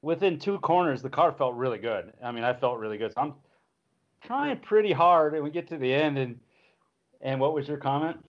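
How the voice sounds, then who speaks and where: A man in his fifties, a rally driver, telling stories in a relaxed, chuckling way. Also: medium pitch, brisk. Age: 50s. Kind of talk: casual storytelling. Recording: dull lo-fi recording.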